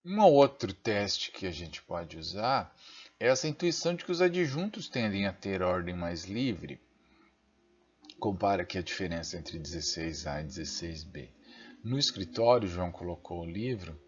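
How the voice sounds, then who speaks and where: A man's voice: low-pitched, expressive, moderate pace, highs cut off. A Brazilian man giving a recorded linguistics lecture, thinking aloud and checking in with frequent tag questions. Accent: Brazilian Portuguese. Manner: self-deprecating asides while using the mouse.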